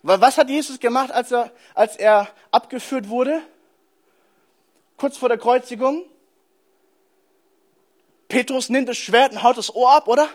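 High-voiced man preaching casually. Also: a little slow, pauses often. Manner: animated storytelling, addresses listeners directly. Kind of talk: conversational sermon.

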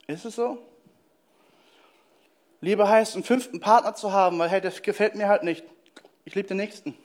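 A man giving a lively sermon to his congregation, talking casually and directly to his listeners and slowing down to quote scripture. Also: high voice. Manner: casual and direct, addressing the listener as "du" with frequent "hey"; slows down and drops his voice for quoted Bible verses. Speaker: preacher.

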